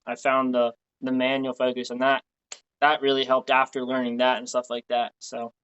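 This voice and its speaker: A man's voice: medium pitch, completely flat delivery, moderate pace, fairly bright tone, smooth, muffled recording. An American man who grew up in Tennessee and Pennsylvania, hosting with casual chat and anecdotes. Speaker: podcast host.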